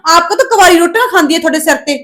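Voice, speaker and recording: Young woman doing a sharp-tongued daughter, high voice, talks fast, keeps arguing back. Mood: defiant. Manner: defiant, quick arguing. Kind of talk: Punjabi family drama acting.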